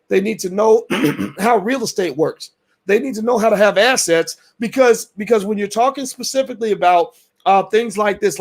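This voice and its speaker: Male host, high voice, hoarse, talks to camera in a blunt, emphatic, restarting way. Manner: emphatic, repeats words and restarts, colloquial. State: losing his voice. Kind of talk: casual direct-to-camera talk.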